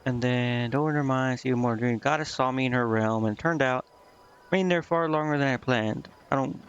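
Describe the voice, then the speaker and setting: A man with a mid-range voice at normal speed talks casually through a video game playthrough, rambling as he thinks aloud and stumbling whenever he reads text out. The microphone sound is dull and lo-fi.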